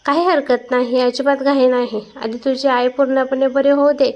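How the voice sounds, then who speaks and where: A woman reading a story aloud and voicing a calm, firm, kind young woman. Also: high voice, normal speed, lo-fi sound. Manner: calm, then sharp.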